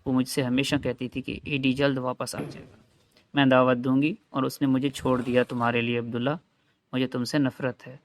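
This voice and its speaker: A man's voice: medium pitch, little pitch movement, slight background noise, close to an everyday voice. A man voicing a bitter, jealous jilted young man. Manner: resentful, pleading.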